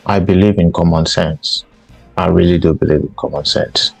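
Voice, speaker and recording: A man's voice: deep voice, fairly even intonation, normal speed, vocal fry, no room sound, soft background music, poor audio. A man from Cameroon, hosting a podcast and giving an emphatic political commentary monologue. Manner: emphatic, repeats himself for stress. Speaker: podcast host.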